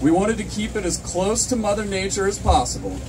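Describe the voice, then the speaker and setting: A young man emceeing a fair contest talks a little fast in a high, animated voice, reading entry notes into a handheld mic through the PA and then pumping up the crowd. It's outdoors under a canopy tent, and the distant camera mic picks up plenty of crowd chatter.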